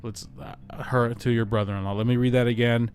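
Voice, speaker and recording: A man's voice: medium pitch, steady tone, brisk, a little mellow. A man hosting a casual real estate livestream, joking and chatty as he reads viewer comments aloud.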